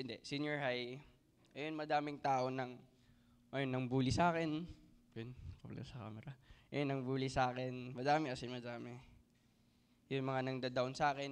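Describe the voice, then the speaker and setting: A young man giving a halting, emotional church testimony, tearful and full of fillers. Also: medium pitch, clear, resonant tone. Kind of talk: personal testimony.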